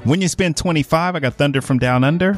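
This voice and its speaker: A man hosting a live AM radio shopping show, delivering repetitive pitchman patter with drawn-out words. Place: small dry AM radio studio. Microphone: close studio microphone. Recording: music playing behind a dry studio voice.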